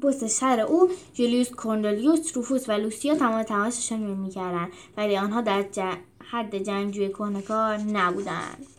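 A woman hosting a show, reading a storybook aloud in a steady narrating voice. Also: mid-range voice, few pauses. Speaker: storyteller and host.

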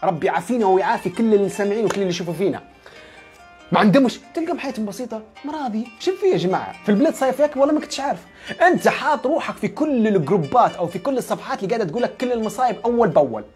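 A man talks at a breakneck clip during a motivational livestream, animated and conversational as he repeats his points. Faint music sits behind his voice. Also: sits high. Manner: rapid, animated, repetitive and conversational. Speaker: psychologist.

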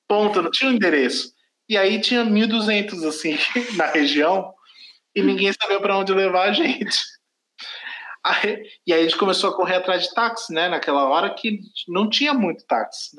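A Brazilian man with a notably high voice tells a story on a casual podcast. He rambles, trips over his words and corrects himself as he goes. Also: a bit bright, roomy sound, rough recording. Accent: Brazilian Portuguese. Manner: rambling, self-correcting, laughs at own story. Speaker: podcast host.

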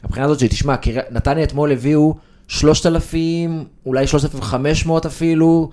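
With a warm, steady and slightly high voice, this male sports journalist co-hosting a laid-back podcast keeps wandering off topic. His talk is conversational and full of fillers.

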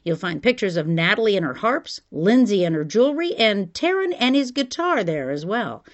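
A woman's voice: medium pitch, sing-song, moderate pace, lo-fi sound. A woman podcast host telling her own story in a scripted but conversational narration. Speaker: podcast host, former television reporter. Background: music bed.

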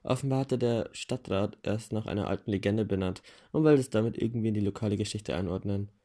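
A man reading a first-person novel aloud in a plain, steady way, with small self-corrections now and then. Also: fairly low pitch, fast talker. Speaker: audiobook reader.

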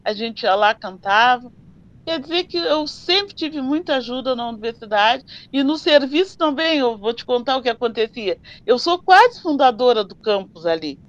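An older woman, recalling her working life in an oral history interview and telling her stories in an animated way. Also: fairly high pitch, normal speed. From southern Brazil. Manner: animated storyteller who acts out dialogues. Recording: slightly dull, dry recording.

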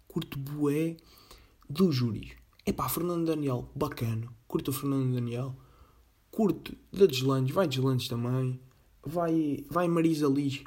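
A man's voice: on the high side, a little mellow. A man with a European Portuguese accent hosting a casual reaction video, full of slang and swearing, speaking straight to his viewers. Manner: slangy and profane, addresses viewers directly. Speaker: video host.

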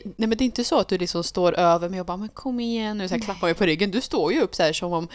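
A young woman co-hosting a casual chat, telling a self-mocking story in a chatty way. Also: fairly low pitch. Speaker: podcast co-host.

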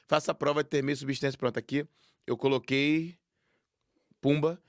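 A man's voice: mid-range voice, fairly even intonation, normal speed, no echo, clean studio sound. A man with a Brazilian Portuguese accent co-hosting a casual live discussion, reading items aloud with hesitant fillers. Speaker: co-host.

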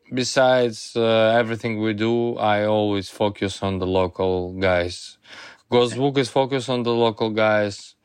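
A man with a Russian accent, an interview guest from the music industry, talking in a halting way with many pauses. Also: fairly low pitch, smooth, no echo, clean studio sound. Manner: hesitant, halting with "uh" and restarts. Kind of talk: casual conversation.

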